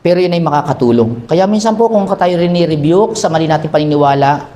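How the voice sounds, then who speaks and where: A man preaching a sermon as pastor in a church, retelling scripture in an animated way and acting out the people in it. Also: a little high, fast. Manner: animated storytelling, acts out characters.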